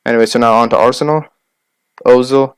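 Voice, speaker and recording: Young male podcast co-host, smooth clear voice, dry close sound, rattles off names. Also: mid-range voice, fairly even intonation, no room sound. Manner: listing names quickly, argumentative. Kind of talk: casual sports chat.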